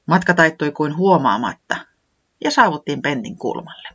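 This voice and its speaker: A children's storybook narrator reads aloud with a lively, melodic delivery that swings widely in pitch. The manner is expressive and sing-song. The recording is dull and lo-fi. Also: husky. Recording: dull lo-fi sound.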